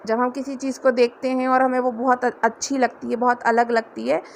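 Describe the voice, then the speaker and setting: Woman tutor, high voice, patient step-by-step explainer, light background hiss. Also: little pitch movement, brisk, gravelly. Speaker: English tutor. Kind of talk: spoken English lesson.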